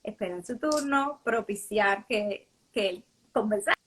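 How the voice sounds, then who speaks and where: A woman's voice: mid-range voice, animated, a little slow, a bit bright, husky. A woman hosting a live-stream conversation, reflecting as a mother on her son's speech and laughing lightly between points. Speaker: mother and host.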